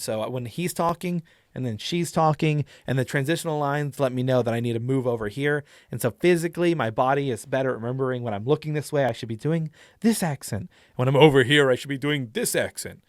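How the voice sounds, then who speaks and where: A man's voice: medium pitch, no echo, studio quality. A young man hosting a casual tutorial, chatty and demonstrative with lots of fillers. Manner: chatty, demonstrative, lots of likes and you-knows. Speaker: YouTube host and dungeon master.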